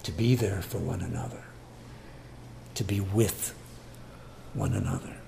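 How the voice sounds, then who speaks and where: Gravelly-voiced man preaching a sermon. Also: deep voice, wildly swooping pitch, unhurried, slight background noise. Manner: swings from loud emphatic stresses to hushed near-whispers; preaching with repeated emphatic phrasing. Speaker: pastor.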